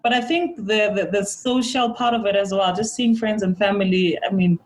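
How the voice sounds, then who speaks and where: A woman's voice: medium pitch, fairly even intonation, normal speed, darkish tone, poor audio. A woman from South Africa, a quantity surveyor, chatting candidly and reflectively as a guest. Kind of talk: casual chat.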